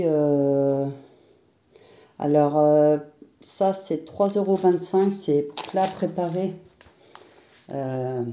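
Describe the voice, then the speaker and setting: A woman's voice: sits low, warm tone, slight background noise. A middle-aged woman chatting casually through a grocery haul vlog at home, rambling with frequent hesitations. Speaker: vlogger. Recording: roomy echo.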